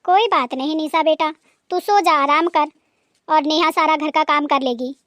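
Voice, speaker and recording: A sharp-tongued older mother-in-law in a cartoon, as a woman puts her on, high-pitched and loud. Her scolding is harsh and commanding. The recording is dry and close. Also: moderate pace, no echo. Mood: doting.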